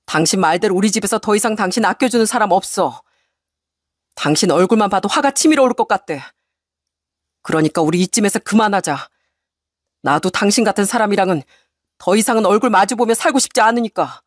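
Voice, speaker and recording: A husband speaks in a cold, measured, unbending tone, as a woman reader puts him on. His voice stays near the reader's own mid pitch, slow and deliberate. The recording is dry and close. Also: no echo, lightly acted. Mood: cold, firm. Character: cold, resolute middle-aged husband. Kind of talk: story radio reading.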